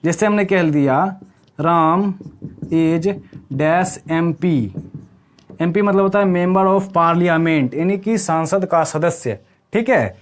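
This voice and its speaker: A man's voice: sits high, measured pace. A man teaching an English grammar lesson, asking the class questions and checking in with them as he goes. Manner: asks the class questions and answers them himself.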